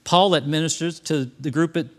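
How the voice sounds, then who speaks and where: Emphatic pastor preaching, somewhat high voice. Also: male voice, fairly quick. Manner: emphatic, talks with the congregation, light humor. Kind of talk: sermon. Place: church service before a congregation.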